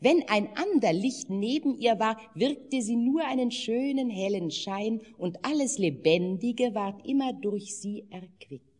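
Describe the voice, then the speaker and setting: An older woman narrating a fairy tale in a measured, expressive dramatic reading. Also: fairly high pitch.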